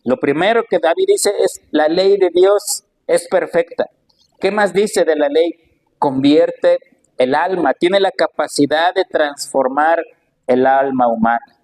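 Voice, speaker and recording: A male pastor preaching a sermon with emphatic delivery, slowing down to stress scripture and asking the congregation rhetorical questions. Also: a little high, darkish tone, low-quality recording.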